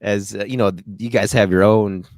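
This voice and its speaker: A man's voice: on the low side, fairly even intonation, normal speed, darkish tone, no echo, clean studio sound. An American man hosting a podcast over a video call, rambling and hesitant, his audio sometimes breaking up. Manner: rambling, hesitant, many restarts. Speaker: podcast host.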